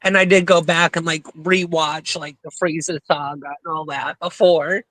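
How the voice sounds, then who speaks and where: Woman, podcast co-host, rambling, laughs often, bright voice, dry close sound. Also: sits low, fairly even intonation, normal speed, dry recording. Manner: laughs easily, rambling asides. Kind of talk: casual group chat.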